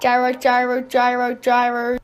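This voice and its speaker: A woman's voice: a little high, completely flat delivery, measured pace, pitched below the performer's own voice, lightly acted. A woman voicing a glitching robot that stutters and loops the same words over and over. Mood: malfunctioning. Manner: stuttering, looping repeated words. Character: glitching robot, stuck repeating itself. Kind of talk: playful video commentary.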